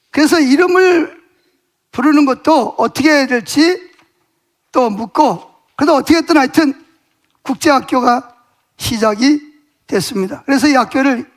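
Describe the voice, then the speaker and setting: A middle-aged man preaching in a church, telling a story from the pulpit and acting out the conversations in it. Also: very high-pitched. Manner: animated storytelling, acting out dialogue with God and others. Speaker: pastor. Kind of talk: sermon with storytelling. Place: church sanctuary.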